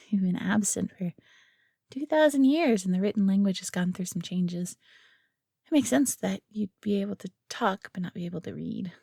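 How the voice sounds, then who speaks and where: In a fantasy audio roleplay, a woman voices a friendly but nervous fox companion, addressing the listener in a hesitant, chatty, awkward yet kind way. Her medium-pitched voice is warm, husky and creaky at normal speed, recorded dry with clean studio sound.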